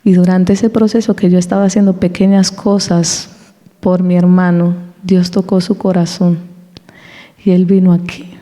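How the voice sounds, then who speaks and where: A woman giving a personal testimony in a church service, telling her story with lively acted-out dialogue and the occasional laugh. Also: on the low side, normal speed. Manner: animated storytelling, acting out quoted dialogue; laughs between anecdotes. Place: church hall. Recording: long reverb of a church hall.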